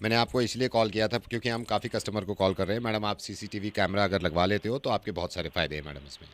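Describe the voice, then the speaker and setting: A man's voice: on the low side, steady tone. A man hosting a radio prank call, pushy and needling as he keeps pressing the person on the line. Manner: pushy, fast-talking, needling.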